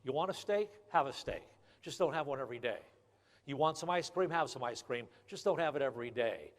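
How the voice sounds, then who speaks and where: A man's voice: medium pitch, lively intonation, a little fast. Older guy giving a graduation speech, folksy, keeps repeating himself for emphasis, big hall echo. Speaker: graduation speaker. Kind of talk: commencement speech with humor. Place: large ceremony hall. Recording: long hall reverb.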